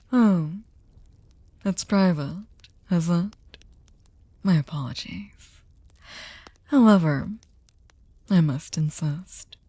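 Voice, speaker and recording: A woman performs a possessive, manipulative female vampire for an ASMR roleplay. Her voice is mellow and fairly low, unhurried and close, with a dry sound. She teases with silky courtesy and often sinks into a whisper. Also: no echo, exaggerated voice. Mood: polite, insistent. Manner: slow, teasing, mock-polite, often dropping to a whisper. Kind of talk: ASMR roleplay audio drama.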